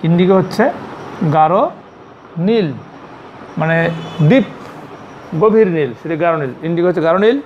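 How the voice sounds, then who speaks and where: A male primary school teacher with a Bangladeshi accent, giving a slow classroom lesson and spelling out words letter by letter. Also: high-pitched, animated, muffled recording, slight background noise. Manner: spells words letter by letter, repeats each meaning several times.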